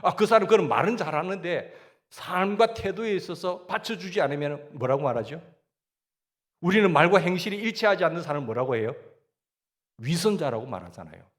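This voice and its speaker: A man's voice: on the high side, lively intonation, fairly quick. A man with a Gyeongsang Korean accent preaching a sermon as pastor, asking the congregation questions and answering them himself.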